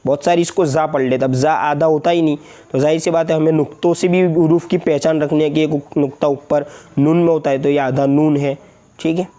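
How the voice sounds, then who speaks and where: Patient man drilling letters slowly. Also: a little high, steady tone, warm tone. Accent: Indian Hindustani. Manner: patient, slow syllable-by-syllable drilling; frequent checking asides. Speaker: Quran reading teacher. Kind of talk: step-by-step recorded lesson.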